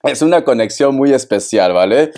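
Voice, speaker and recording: A man's voice: mid-range voice, lively intonation, normal speed, a little mellow. A man giving a tarot reading for viewers, flamboyant and teasing, often laughing and chatting to a friend. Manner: chatty, keeps addressing a friend by name. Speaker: tarot reader.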